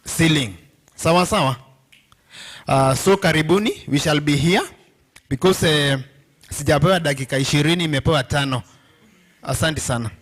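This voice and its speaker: A man's voice: fairly high pitch, moderate pace, long pauses, fairly bright tone. A man with a Kenyan accent giving an informal presentation to a group, often checking in with listeners as a representative speaker. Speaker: bank representative presenting to union members. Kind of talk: informal presentation mixing English and Swahili.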